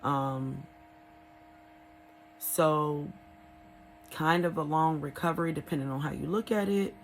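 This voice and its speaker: A woman talking casually and candidly in an unscripted personal vlog, rambling a little with hesitant pauses. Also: deep voice, a little hiss or hum, low-quality recording. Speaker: vlogger sharing a recovery experience.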